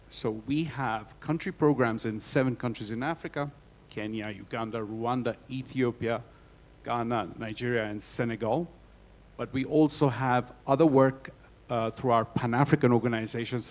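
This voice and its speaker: A man speaking as a foundation representative on a panel, explaining in a measured way. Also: medium pitch. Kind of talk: panel discussion.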